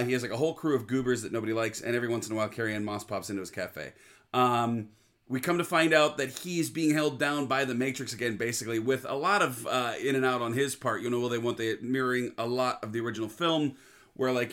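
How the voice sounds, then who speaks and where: A man guesting on a movie podcast, racing through a rambling recap full of uhs and likes. His pace is quick, and his pitch sits in a middling range. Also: fairly bright tone. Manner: rambling, rapid plot recap with fillers. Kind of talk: casual chat.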